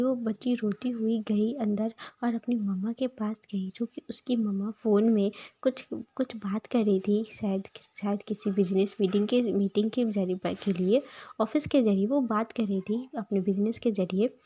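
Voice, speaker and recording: Warm husky woman telling a story. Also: medium pitch, steady tone, normal speed. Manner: rambling, repeats and restarts phrases. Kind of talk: casual fan-fiction storytelling narration.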